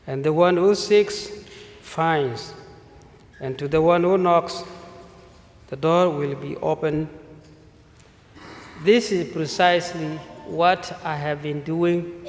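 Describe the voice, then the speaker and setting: A male priest from South Sudan giving a measured mission appeal sermon in a church, listing needs one by one. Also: fairly high pitch. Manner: slow, measured delivery with listed phrases. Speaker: visiting priest. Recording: echoey church with long reverb.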